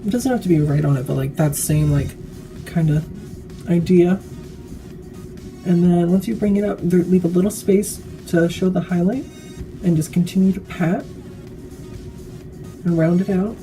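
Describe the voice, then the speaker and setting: Tipsy woman rambling, lowish voice. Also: moderate pace, long pauses, mellow, soft background music. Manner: casual, frequent swearing. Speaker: makeup tutorial vlogger. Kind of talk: casual, chatty makeup tutorial.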